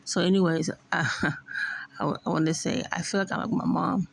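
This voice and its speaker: Woman, mid-life, very gravelly voice, rambles on in a loose rant, cusses some, lots of "you know". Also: lowish voice, flat delivery, normal speed, rough recording. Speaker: vlogger. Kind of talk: casual rambling monologue.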